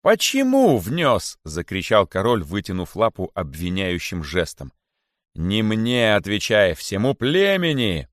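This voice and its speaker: A domineering rabbit king, as a male narrator plays him scolds with grim sarcasm and a commanding tone. His voice swings widely in pitch, recorded dry and close. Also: expressive, unhurried, fairly bright tone, no room sound. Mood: accusing. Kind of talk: audiobook character voice.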